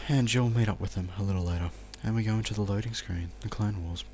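Lowish in pitch and quick in pace, this young Australian let's play commentator rambles through his game in an offhand mutter. It's loose, unscripted talk, and he swears now and then.

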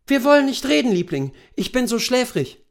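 A man reading the part of a wealthy American wife, soft, sleepy and taunting. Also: fairly high pitch, big pitch swings, fairly quick, creaky, pitched above the performer's own voice. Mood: languid, taunting.

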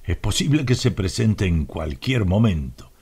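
A man with a Latin American Spanish accent voicing a courteous, ironic gentleman in an audiobook. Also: sits low, big pitch swings, measured pace, breathy edge, full character voice. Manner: polite, ironic. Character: smooth, ceremonious host, Stendhal.

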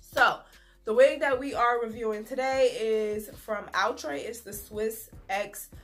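A beauty vlogger with a cold reviews a wig to camera in a small indoor room, her higher voice sniffly, throaty and husky from a sore throat. She's chatty and relaxed, drawing out words with plenty of "um"s, while soft music plays behind her.

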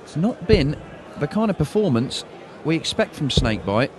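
A man commentating live on a darts match, calling the play with measured analysis. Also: fairly high pitch, big pitch swings. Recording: loud arena crowd and noise behind.

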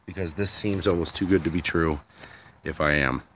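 A man shooting a DIY vlog on his phone in a sunny outdoor yard thinks aloud in a rambling, hesitant manner. He speaks at a moderate pace with a low, slightly bright voice, and there's a faint hiss or hum.

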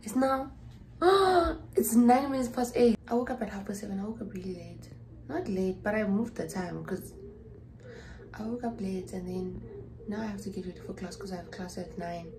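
Crowd noise sits behind this young adult woman from South Africa as she vlogs casually into her phone, held at arm's length in her small dorm room. She's a student with a medium-pitched voice at normal speed, rambling and tossing in whispered asides.

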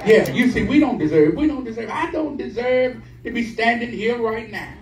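A middle-aged guest preacher at the pulpit speaks expressively at a moderate pace, building a call-and-response sermon that grows in pitch and fervor as the congregation answers. The sound, from a pulpit mic filmed in the pews of a large sanctuary, is distant and echoey, full of the congregation's replies.

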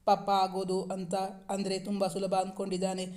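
A man voicing an affectionate young woman who has just become a mother, in an even storytelling tone. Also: high voice, moderate pace, lightly acted.

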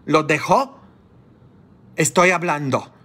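Man, priest, sermon, slow deliberate delivery, fervent scolding tone, sudden high outbursts. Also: sharp tone. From grew up as a child of immigrants. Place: church, streamed live.

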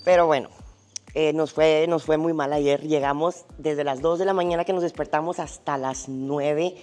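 A woman's voice: low voice, steady tone, moderate pace, a little mellow, faint music behind. A woman, chatting and laughing as she tells a travel story while walking outdoors, on a lapel mic. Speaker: fitness vlogger. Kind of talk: casual travel vlog storytelling. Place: outdoors at a tropical resort.

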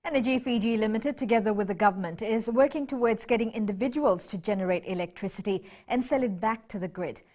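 A woman's voice: a little high, fast, hardly any pauses, darkish tone. A young woman anchoring a scripted television news bulletin in a studio. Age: young adult.

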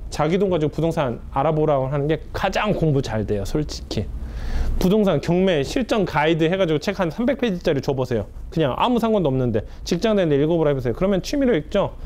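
A man in his forties giving an emphatic, conversational business lecture in a classroom, pacing in front of a whiteboard and dropping his voice at the end of each point. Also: a little mellow. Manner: emphatic, conversational, drops pitch at ends of points; paces back and forth while talking.

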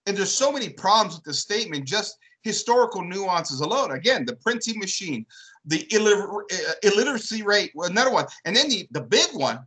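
A man co-hosts a casual discussion on church history. His voice is bright and forceful. He works through his points aloud and often checks in with "right?". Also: high-pitched, very animated, fairly quick, poor audio. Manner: thoughtful, builds questions with repeated "right?". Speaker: co-host.

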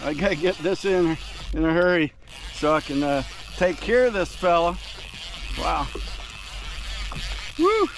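A man's voice: on the high side, unhurried, pauses often, noisy background. Older man whooping from a kayak. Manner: excited whooping while fighting fish. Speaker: fishing vlogger. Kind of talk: casual narration while fishing. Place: kayak on a lake outdoors. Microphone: action camera mounted on kayak.

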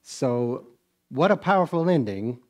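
A man's voice: mid-range voice, lively intonation, unhurried. A man preaching a sermon in a church, telling a story in a folksy way and acting out its scenes. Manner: folksy storytelling, acts out scenes, chuckles often.

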